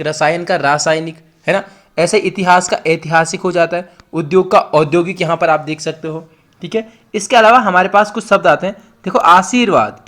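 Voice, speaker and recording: This young man speaks with an Uttarakhand Hindi accent in a high, slightly bright voice. He's running an online exam-prep lesson, explaining things, repeating words for emphasis, and talking straight to his students.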